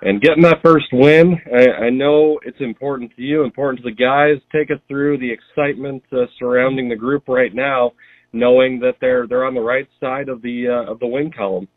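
A man's voice: medium pitch, steady tone, moderate pace, dry recording. Thin phone-like sound, man interviewing on sports radio.

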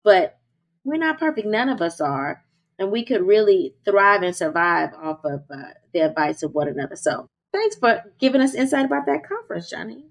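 A woman's voice: medium pitch, sing-song, normal speed, creaky. A woman co-hosting a podcast, talking chattily with listeners and calling them y'all. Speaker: podcast co-host. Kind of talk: casual podcast chat.

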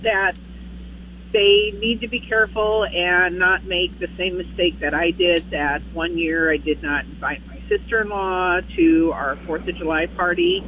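A woman's voice: lowish voice, fairly even intonation, measured pace, a little hiss or hum. A woman calling in to a radio show, earnestly giving advice. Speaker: caller. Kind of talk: phone-in call. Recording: dull call-in line.

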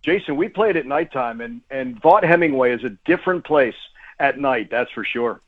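A sports broadcaster calls into a radio show as a guest, offering conversational analysis and repeating phrases for emphasis. His voice is medium-pitched with lively intonation at a moderate pace, coming through a tinny, phone-like line.

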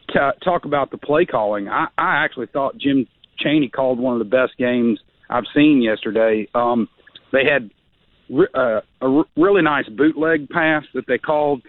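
Guy calling into a radio show on the phone, tinny dry line, even and thoughtful way of talking. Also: medium pitch, no echo. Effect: phone-line caller voice.

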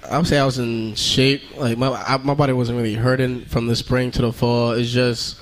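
A man's voice: mid-range voice, flat delivery, moderate pace, poor audio. A young man, a college football player, answering radio interview questions in a laid-back, brief way. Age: young adult. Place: restaurant.

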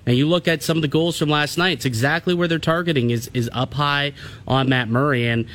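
A man's voice: a little high, a little fast, fairly bright tone. A man co-hosting sports radio, giving casual, emphatic analysis.

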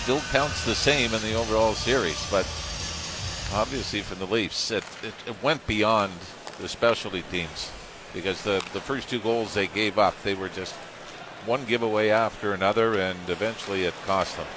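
A man's voice: fairly low pitch, normal speed, noisy background. A man analysing a hockey game live as a colour commentator.

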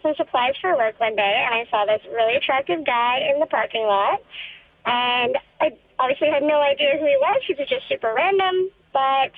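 Woman on a tinny phone line, chipmunk voice filter, squeaky high, kinda sheepish. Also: normal speed, no room sound. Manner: sheepish, self-conscious storytelling. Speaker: caller. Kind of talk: casual chat.

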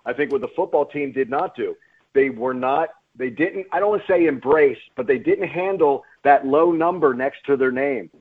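Medium in pitch with a breathy edge, this man talks at normal speed as a radio guest and play-by-play announcer. His sports commentary is emphatic, with repeated phrases for stress, and it comes through a narrow-band, phone-like radio line.

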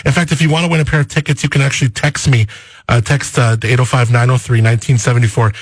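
A male radio host with a slightly husky voice chats with guests in a casual, easygoing way. His speech is loose and full of fillers. The studio sound is close and dry. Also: mid-range voice, fairly even intonation, fast talker, no room sound. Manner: chatty and easygoing, many fillers. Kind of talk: casual interview chat.

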